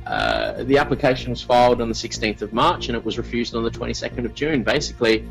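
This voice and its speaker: A man's voice: mid-range voice, big pitch swings, quick pace, vocal fry, faint music behind, rough recording. A man co-hosting a gaming podcast, reading the news in a loose, jokey way and stumbling over the wording. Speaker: podcast co-host. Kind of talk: casual gaming podcast chat.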